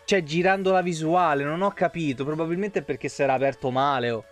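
A man's voice: fairly high pitch, a little fast. A young man with an Italian accent and a sore throat, streaming a game from home on a headset mic and chatting casually, greeting viewers by name and swearing freely. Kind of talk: casual live-stream chat. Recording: faint music behind.

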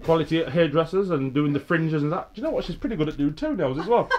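A man's voice: on the high side, lively intonation, quick pace, darkish tone, dull audio. A middle-aged British man chatting casually and teasingly for a family vlog. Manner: playful, teasing. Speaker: vlogging father. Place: small furnished rooms of a house, later inside a car. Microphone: handheld camera at arm's length. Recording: faint background noise, handheld camera.

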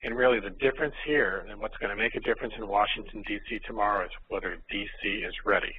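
A man's voice: on the low side, fast. An older man from Florida, a pediatrician, giving a conference lecture in a hesitant way with many fillers and restarts. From Miami, Florida. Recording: tinny phone-like recording, faint noise.

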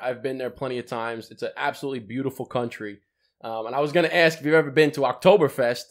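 A man from Long Island, co-hosting a casual interview from a pool house, friendly and quick to laugh. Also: medium pitch. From Long Island, New York. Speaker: co-host.

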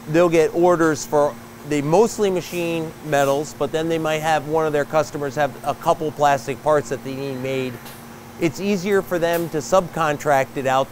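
A man in his fifties shows off his machine shop, his fairly high voice explaining parts and machines in a plain, unhurried way with plenty of fillers. A faint hum of air conditioning and machinery sits behind him on the bright shop floor. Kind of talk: guided shop tour.

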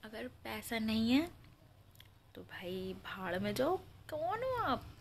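A woman's voice: on the high side, very animated, slow pace, a little hiss or hum. A young woman from Delhi talking to viewers in a casual home vlog, chatty and earnest, holding her phone at arm's length. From Delhi, India. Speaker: vlogger. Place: indoors at home, face close to a handheld camera. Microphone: phone held at arm's length.

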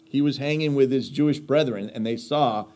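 A man's voice: mid-range voice, normal speed, darkish tone. Emphatic man preaching in a conversational way. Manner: emphatic, rhetorical questions, repeats key phrases. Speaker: Bible teacher. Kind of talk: conversational sermon teaching.

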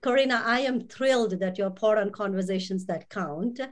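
A woman's voice: medium pitch, moderate pace. A woman hosting a talk show, introducing and questioning her guest with enthusiastic praise. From immigrant. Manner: enthusiastic, complimentary. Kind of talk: interview host.

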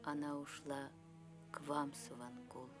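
An actress playing a sorrowful, stoic village mother in a film's inner monologue, hushed, solemn and resigned. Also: low-pitched, flat delivery, a little slow, over music. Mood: mournful. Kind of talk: film drama inner monologue.

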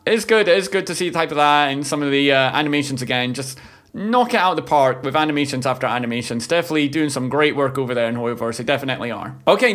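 A streamer in his thirties, speaking in a fairly high, fairly bright voice, reacts to trailers from his home streaming room with casual, exclamatory commentary, often repeating his phrases. Music from the trailers plays behind him.

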